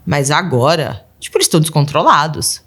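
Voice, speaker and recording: A woman's voice: low voice, lively intonation, brisk, fairly bright tone, breathy edge. A woman in her thirties, a podcast guest and mother of twelve, telling casual stories and acting out her children's voices with frequent laughs. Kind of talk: casual storytelling interview.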